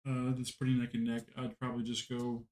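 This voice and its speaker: A man co-hosting a podcast, chatting casually about basketball rankings, animated and swearing for emphasis. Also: mid-range voice, fairly quick. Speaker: podcast co-host. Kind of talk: casual sports chat. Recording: roomy echo.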